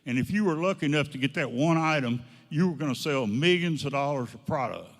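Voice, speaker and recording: A man's voice: a little high, expressive, fairly quick. A man telling a folksy story in a hall. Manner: folksy, long chains of "he goes, I said". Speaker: guest speaker. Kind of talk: anecdotal storytelling talk. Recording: long hall reverb.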